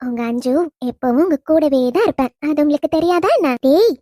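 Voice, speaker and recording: Cartoon: loving ghost wife, high mellow voice, teasing, woman performer. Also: animated, fairly quick, no echo, clean studio sound. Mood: tender teasing. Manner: affectionate teasing, soft laughs. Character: young wife's gentle spirit, teasing and loving. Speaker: dead wife visiting husband. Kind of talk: cartoon voice acting.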